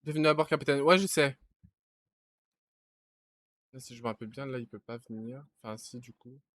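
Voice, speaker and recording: In a dry recording, a young man plays a game on stream and chats to himself in casual let's-play style, with sudden panicked yelps, shouts, and curses. He speaks fairly quickly in a mid-range voice.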